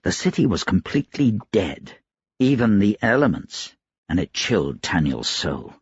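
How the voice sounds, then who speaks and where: A male narrator reads a fantasy novel in a measured, even storytelling manner. His voice is low with a husky edge. The recording is close and dry, and it sounds slightly dull. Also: no echo. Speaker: audiobook narrator. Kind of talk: scripted narration.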